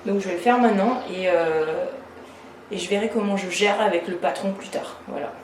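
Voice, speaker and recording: A little hiss or hum sits under this woman's medium-pitched voice as she talks at normal speed in an echoey room. Renovating her own bathroom, the DIY vlogger chats casually to the camera, venting frustration with lots of fillers and restarts.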